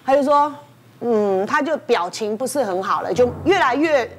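A woman's voice: fairly high pitch, moderate pace, soft background music. A woman guest on a talk show, telling an anecdote and acting out each person's lines. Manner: lively storytelling that acts out dialogue. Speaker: celebrity guest.

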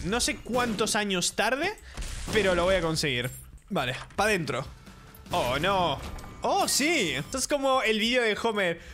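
A man giving playful, theatrical gameplay commentary and talking to the characters in the game. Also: high voice. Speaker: gaming YouTuber.

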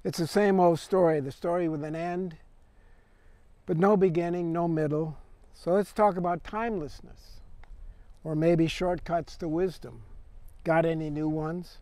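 A man's voice: on the high side, fairly even intonation, a little slow, warm tone, no echo, lightly acted. A man poet reading a poem in the voice of a restless replicant, wry and conversational as if prying into a listener. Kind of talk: poetry reading.

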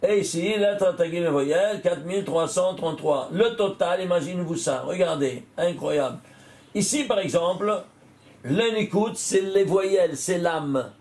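An older man, a rabbi, giving an animated Torah lesson, working through numbers aloud and breaking into excited exclamations and questions to his listeners. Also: high-pitched, measured pace. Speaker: rabbi teaching Torah and Kabbalah.

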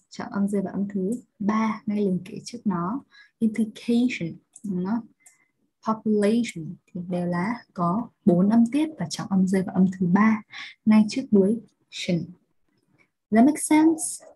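Vietnamese-accented woman teacher, husky and mellow, patient explainer who keeps checking understanding. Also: medium pitch, low-quality recording. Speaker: English teacher. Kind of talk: pronunciation lesson.

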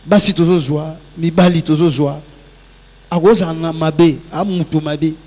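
A man's voice: fairly high pitch, fairly even intonation, a little slow, a little mellow. A man who is a musician guest, talking earnestly and reflectively in a casual interview, giving advice. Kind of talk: casual interview talk mixing Lingala and French. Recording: long hall reverb with faint music.

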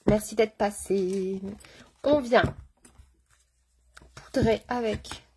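Chatty husky-voiced woman makeup artist. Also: medium pitch, very slow, dark tone. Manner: chatty, greets viewers with pet names; slangy, enthusiastic. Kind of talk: live makeup tutorial.

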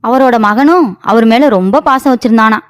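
A woman's voice: on the high side, a little fast. Woman narrating a storybook tale. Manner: folksy storytelling cadence. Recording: with background music.

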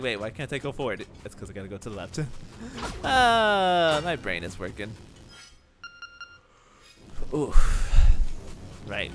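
A tired let's play host who gives casual gameplay commentary late at night. They react loudly to the action and often stumble over their words. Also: mid-range voice. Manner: excitable, with sudden loud reactions and frequent stumbles over words. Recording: game music playing underneath.

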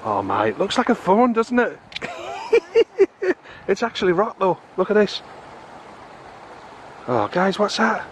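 A chatty, excitable middle-aged man with a slightly raised voice, talking to his viewers outdoors by a river. He is recorded on a camera, with faint background noise. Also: high voice, takes it slowly, pauses often. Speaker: magnet fishing vlogger. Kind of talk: casual outdoor commentary. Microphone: camera on a tripod or handheld.

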